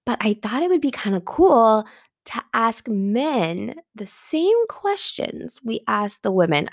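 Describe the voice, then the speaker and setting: Chatty, giggly woman hosting a podcast, mid pitch, dry recording. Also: no echo. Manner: chatty, giggly, lots of ums. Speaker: podcast host. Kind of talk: casual podcast chat.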